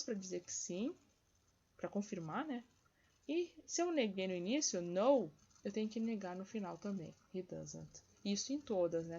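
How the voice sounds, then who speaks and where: A woman's voice: mid-range voice, dark tone. Woman teacher going over english grammar, checks in a lot, bit muffled recording. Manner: explanatory, checks in with "tá?" and "né?". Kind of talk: online grammar lesson.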